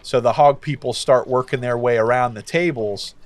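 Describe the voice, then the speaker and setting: A man's voice: mid-range voice, moderate pace. A man running a tabletop game as game master, narrating in a casual, loose way full of fillers.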